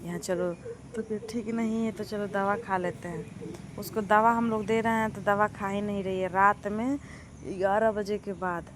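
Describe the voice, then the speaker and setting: A young village woman, chatting to her viewers in a casual vlog. She sounds fed up and complains at length in a mid-range voice. Birds, animals and passing vehicles come through clearly in the open air behind her. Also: medium pitch, steady tone, moderate pace, noisy background. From Bihar, India. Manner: exasperated, complaining, addresses viewers directly. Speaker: vlogger. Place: doorway of a village house, outdoors.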